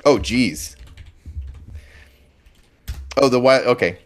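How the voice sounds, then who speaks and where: A man's voice: medium pitch, takes it slowly. A man running a tabletop game as game master, chatty and full of fillers and restarts.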